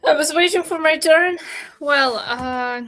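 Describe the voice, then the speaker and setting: A woman playing a tabletop game, roleplaying casually with hesitant, halting speech. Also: high-pitched, a bit bright, soft background music.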